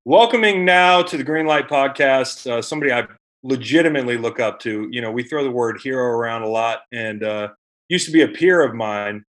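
A man's voice: medium pitch, fairly quick, a bit bright. A man in his thirties hosting a podcast interview, talking in a conversational, admiring way with plenty of fillers. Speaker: podcast host. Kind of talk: casual interview chat.

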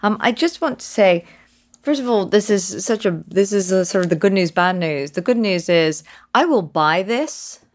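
A woman's voice: medium pitch, lively intonation, moderate pace. A woman investor giving founders her verdict in a chatty, self-deprecating way. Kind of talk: business pitch discussion.

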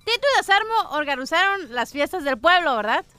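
A woman co-hosting a radio comedy show, playful and quick with banter. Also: sits high, sing-song, pushed and bright, faint music behind. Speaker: radio co-host. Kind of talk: joke-telling radio banter.

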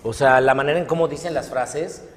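A man with a Mexican accent, a voice actor chatting crudely and playfully on a podcast, often acting out lines in high voices. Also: fairly quick, big-room sound. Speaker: voice actor guest. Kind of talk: casual podcast chat.

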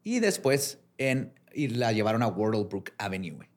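A man's voice: fairly low pitch, normal speed. A man with a Mexican accent, a podcast host narrating a story in casual chat, tagging his sentences with slang. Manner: relaxed slangy narration, ends phrases with filler slang.

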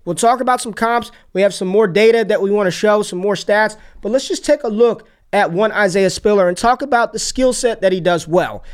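A man with a high, light voice talks through football game film like a fan-turned-analyst. He is loose and chatty, and he jumps up in energy whenever a play catches his eye. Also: brisk, hardly any pauses, smooth. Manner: energetic, excited, talks over plays. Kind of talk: casual film breakdown commentary.

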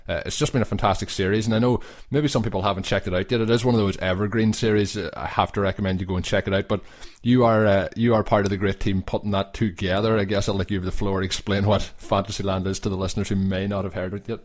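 A man's voice: lowish voice, fairly even intonation, fast. An Irish man hosting a podcast interview, talking casually with a lot of hesitant uhs. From Ireland. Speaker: podcast host.

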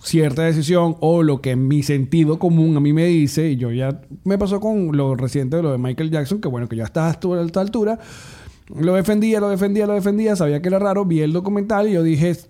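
Mellow-voiced man. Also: fairly high pitch, fairly quick. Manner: joking, chatty, rambling banter. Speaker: podcast co-host. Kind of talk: casual chat.

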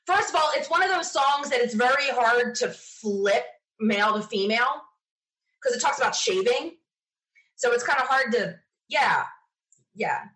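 Chatting as a podcast interviewee, a middle-aged woman shares casual stories with strong opinions and emphasis. She has a somewhat high, expressive, fairly bright voice at normal speed, though the audio is poor.

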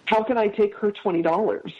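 A man as a podcast guest, telling a personal story in a heartfelt, halting way with many restarts. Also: sits high, slightly rough. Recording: dull lo-fi sound.

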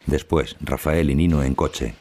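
A man reading scripted audio description in a calm, even voice. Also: a little slow, a little hiss or hum. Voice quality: very deep and gravelly.

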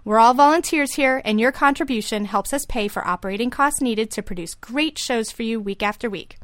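A woman's voice: on the high side, fairly quick, a bit bright, dry recording. A woman podcast host and lactation consultant, reading a scripted show intro in an upbeat way.

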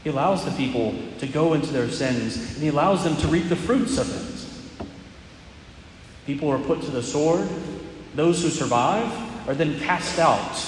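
A man's voice: on the high side, animated. Man preaching in cathedral-like echo. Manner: solemn, measured with deliberate pauses. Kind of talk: liturgical reading and homily. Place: large reverberant church during Mass. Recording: very echoey church, long reverb, faint noise.

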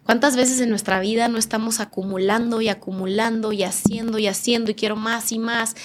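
A woman with a northern Mexican accent recounts an emotional personal ordeal as a podcast guest. Her voice sits at an ordinary middle pitch. She tells it vividly, slipping into the voices of the people she quotes. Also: slight background noise. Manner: vivid storytelling, acting out quoted dialogue in changed voices.

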